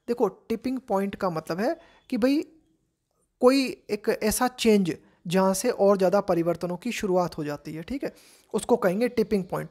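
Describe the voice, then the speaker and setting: An Indian woman teaching English, reading editorial phrases slowly and explaining each one in Hindi. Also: medium pitch, darkish tone.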